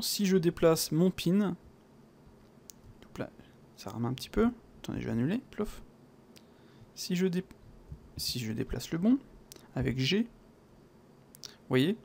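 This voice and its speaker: A French-accented man walks through a software tutorial in a loose, chatty way, dropping fillers and playful sound words as he clicks along. His voice sits a little high for a man and has a gravelly edge. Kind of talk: casual screen-recorded tutorial.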